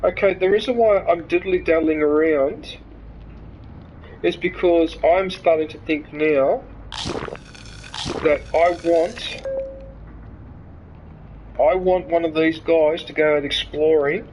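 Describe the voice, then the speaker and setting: This Sydney, Australia streamer speaks slowly with frequent pauses, in a mid-range, darkish voice with fairly even intonation. Heard through a headset mic with a little hiss or hum and rough recording quality, they ramble and rant during a live game stream, swearing freely and then apologizing.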